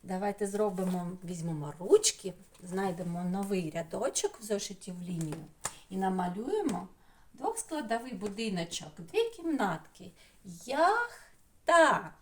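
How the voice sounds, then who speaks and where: A woman's voice: mid-range voice, expressive, moderate pace, mellow, a little hiss or hum. A woman with a Ukrainian accent teaching young children online, stretching out syllables in a sing-song way. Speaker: preschool teacher.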